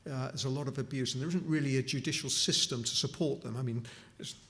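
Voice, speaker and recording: A middle-aged man from Newcastle upon Tyne, England, talks fast in a medium-pitched, slightly bright voice. As a charity speaker at a chapel, he addresses the congregation informally, with lots of restarts and asides.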